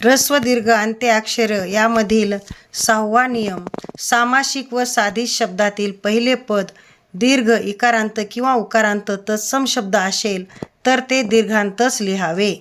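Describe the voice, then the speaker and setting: A woman with a Marathi accent teaching a lesson, reading out rules and word lists one word at a time in a measured, scripted way. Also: fairly high pitch, fairly even intonation.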